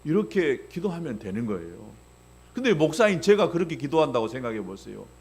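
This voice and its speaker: Man preaching with animated, lively pitch. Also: fairly quick, husky. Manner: animated preaching with rhetorical questions, acting out voices. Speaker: pastor. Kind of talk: sermon.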